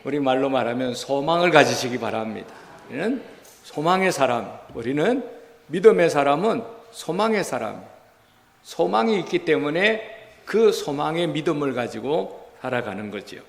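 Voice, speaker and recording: A man's voice: on the high side, sing-song, moderate pace, vocal fry. A male pastor preaching a Sunday sermon, exhorting the congregation and questioning them as he tells a story. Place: church sanctuary. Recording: reverberant church hall.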